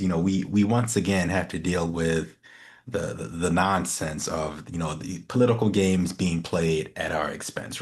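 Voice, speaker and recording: Male co-host, deep low voice, relaxed, chuckly, halting explainer. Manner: easygoing, chuckling, hesitant filler-heavy delivery. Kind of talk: casual chat.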